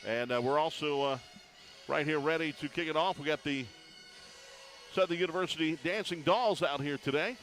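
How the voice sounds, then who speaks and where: Brief: male play-by-play announcer, slightly high voice, folksy and chatty, lots of "uh" fillers. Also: normal speed, pauses often, a bit bright, soft background music, low-quality recording. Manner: folksy, conversational, frequent "uh" fillers. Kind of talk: live basketball commentary.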